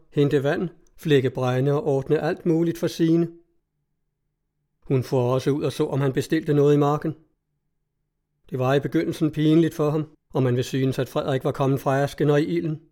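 A man narrating an audiobook in a measured, even storytelling manner. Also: fairly high pitch.

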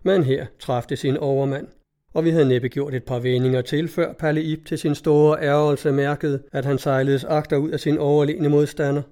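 A man reading a classic sea novel aloud in an even, measured storytelling manner. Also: on the high side. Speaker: audiobook narrator.

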